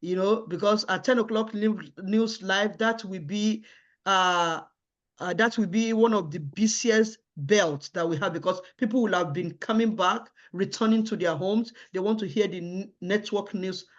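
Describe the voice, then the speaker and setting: A woman's voice: mid-range voice, moderate pace. A woman giving formal job interview answers in a hesitant way, repeating and restarting her words. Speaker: job candidate in a mock interview. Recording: dull, lo-fi audio.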